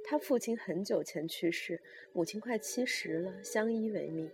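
A woman reading a story aloud in the first person, with a brisk and wry telling. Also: medium pitch, darkish tone, soft background music.

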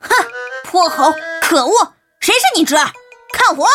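A woman's voice: high-pitched, expressive, normal speed, voice pushed up. A woman voicing a proud, hot-tempered young demon boy who sneers and gloats, in a children's story. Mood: angry taunting. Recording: loud background music.

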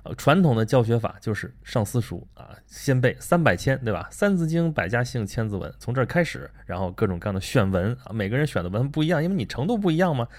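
A man hosting a casual talk, animated and chatty, asking himself rhetorical questions. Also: medium pitch, fast talker, hardly any pauses. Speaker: podcast host. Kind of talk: casual monologue on learning and reading.

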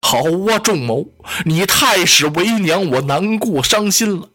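A man's voice: high-pitched, animated, unhurried, sharp tone, heavily acted. A male storyteller voicing an old dowager mother scolding her son, trembling with rage and tearful. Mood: furious, tearful. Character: aging grieving furious mother, dowager queen.

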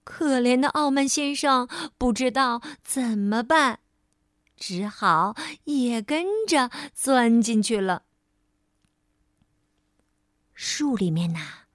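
A woman narrating a bedtime story for young children, gently speaking to the child as her little darling. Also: high voice, big pitch swings, slow, dry recording, clean studio sound. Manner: gentle, addresses the child as baby.

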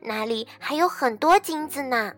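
A woman's voice: sits high, lively intonation, moderate pace, faint music behind. A woman voicing a clever, bold young male hero in a storybook reading, speaking eagerly and confidently.

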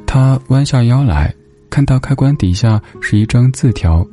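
A man narrating a storybook in a gentle, unhurried way. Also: mid-range voice, expressive, faint music behind.

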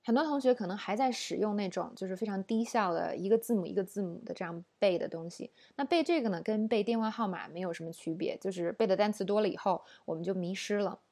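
A woman's voice: medium pitch, fast, hardly any pauses, a little mellow. A woman teaching an online English lesson, explaining at length with rhetorical questions and fillers.

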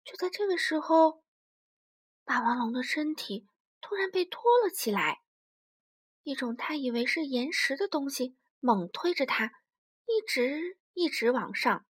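Woman storyteller, high voice, very animated, children's story, spoken sound effects. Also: a little slow.

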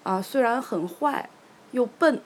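A woman retelling and discussing a folktale in casual chat, lively and animated. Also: fairly high pitch, takes it slowly, a little hiss or hum.

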